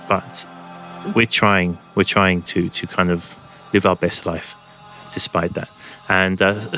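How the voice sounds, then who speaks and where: A man's voice: sits low, a bit bright. A man presenting a music podcast in a casual, enthusiastic but rambling way, recorded at home under a blanket. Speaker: podcast host and DJ.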